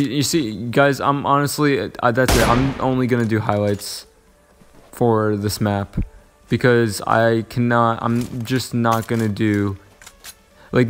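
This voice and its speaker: A gaming channel host, a young man with a lowish voice, casually commentates his own mobile game. He mutters to himself, lets out sudden excited yelps, and grows more and more frustrated.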